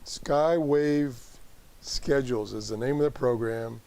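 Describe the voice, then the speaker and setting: Slow, mellow man thinking aloud. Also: medium pitch, creaky. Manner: halting, thinking aloud while operating the app. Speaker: host demonstrating a radio app. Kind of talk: casual live tutorial.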